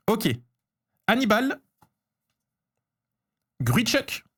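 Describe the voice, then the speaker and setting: Lively, excitable male streamer. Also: very high-pitched, extremely slow, slightly rough. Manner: chatty, excitable, reads and answers chat. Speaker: streamer opening trading cards. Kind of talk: casual live-stream chat.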